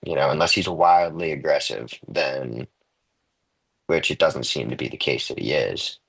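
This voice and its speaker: A man's voice: a bass voice, moderate pace, vocal fry, fairly bright tone, husky. A man in a casual poker discussion on a video call, rambling with many fillers. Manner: loose rambling, lots of likes and I means. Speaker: study group member. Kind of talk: casual chat.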